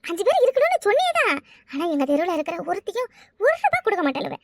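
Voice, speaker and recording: Woman doing shrill brash village woman Thangamayil. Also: wildly swooping pitch, quick pace, no room sound, clean studio sound, exaggerated voice. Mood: pleading. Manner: loud, boastful, argumentative. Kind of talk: cartoon voice acting.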